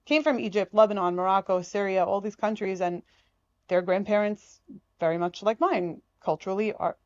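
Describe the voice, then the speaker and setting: Animated emphatic woman talking. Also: medium pitch, moderate pace, dry recording, muffled recording. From United States. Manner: animated, emphatic, acts out quoted remarks. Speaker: podcast guest, artist. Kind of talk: conversational interview.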